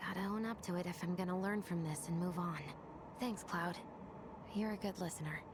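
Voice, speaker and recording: A woman playing an earnest young bomb maker in a video game, sincere and troubled, quick to blame herself. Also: fairly low pitch, steady tone, lightly acted. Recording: game audio with clear noise.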